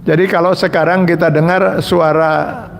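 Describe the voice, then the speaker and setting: A man's voice: a little high, little pitch movement, normal speed, creaky, a little hiss or hum. A man, an Islamic cleric giving a religious lecture and telling personal stories earnestly, speaking straight to his audience. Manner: earnest storytelling that addresses the audience directly.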